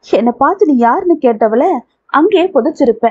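A woman's voice: high-pitched, expressive, fairly quick, darkish tone. A woman reading the part of a possessive, violent young man in love, in a domineering tone. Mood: bitter. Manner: menacing, domineering. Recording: tinny phone-like audio.

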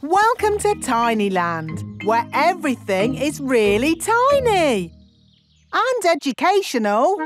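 Cheerful cartoon rabbit guide; high, lively, unhurried, over music. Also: female voice, exaggerated voice. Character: cheerful rabbit tour guide woman, chatty and upbeat.

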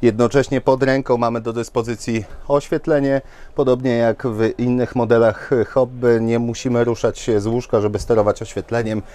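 A man's voice: mid-range voice, little pitch movement, normal speed, darkish tone. A man in his thirties presenting caravans at an indoor trade fair, chatting to viewers with lots of fillers, on a lapel mic. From Poland. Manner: enthusiastic, talks straight to viewers with many fillers. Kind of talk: walkthrough presentation.

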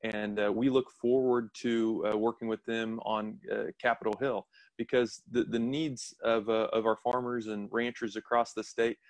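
A man's voice: on the low side, level tone, normal speed, dry recording. A man in his thirties, a political candidate, speaking earnestly over a laptop webcam from an office, with many fillers. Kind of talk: casual remarks over video call. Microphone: laptop webcam on a video call.

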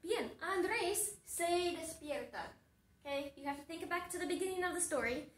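Slow, high-voiced woman teacher, echoey. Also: fairly bright tone, distant mic. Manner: slow, deliberate questioning with lots of repetition. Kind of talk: story-based language lesson. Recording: roomy echo, voice off-mic.

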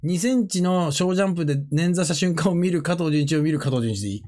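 A man chatting casually on a livestream, joking and animated, often breaking into laughter and playful mimicked voices. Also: on the high side, fast. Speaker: streamer.

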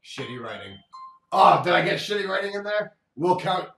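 A man's voice: sits high, very animated, moderate pace, gravelly, a bit bright, soft background music. A young man hosting a casual gaming-channel chat with friends, playful and teasing. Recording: roomy, distant mic.

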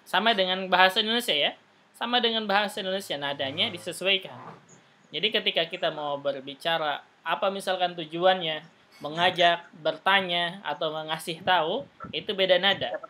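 A woman teacher explains Arabic phrases step by step, repeating them patiently. Her voice sits low but sounds bright and forceful. She talks over a video call. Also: a little fast, a little hiss or hum. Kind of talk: online Arabic conversation lesson.

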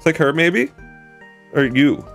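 A man's voice: on the high side, expressive, slow pace, vocal fry, fairly bright tone. A man giving casual gaming commentary as a let's play co-host. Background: game music.

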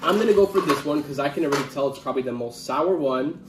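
A man's voice: a little high, fast talker. A man in his twenties chatting casually and playfully to camera as he hosts a home challenge video. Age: 20s. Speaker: host of a candy challenge video with children. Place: indoor home kitchen. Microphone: camera across the counter. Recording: roomy home kitchen, music behind.

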